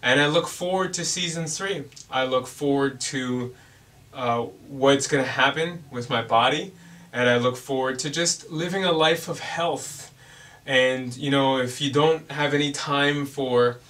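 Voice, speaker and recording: Young guy rambling earnestly to camera, bright voice, mic kinda far off. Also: mid-range voice. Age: young adult. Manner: rambling, earnest, many fillers and restarts. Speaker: vlogger. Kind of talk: casual reflective vlog.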